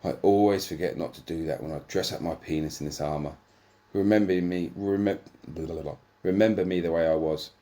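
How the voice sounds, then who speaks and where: A man's voice: low-pitched, steady tone, brisk, warm tone, lightly acted. A man voicing a brash male sword fighter with a taunting, showy delivery. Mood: cheerful.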